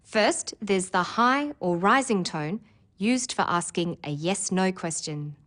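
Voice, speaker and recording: Lively-voiced woman presenting a lesson. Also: lowish voice, slow pace. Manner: clear, careful delivery with demonstrated intonation. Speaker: presenter of an English exam preparation show. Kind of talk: scripted teaching narration.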